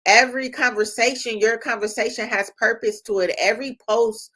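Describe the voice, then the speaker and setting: A woman's voice: fairly high pitch, steady tone, normal speed, pushed and bright. A middle-aged woman who leads a publishing company, giving an emphatic motivational talk that repeats phrases and checks in with "right?".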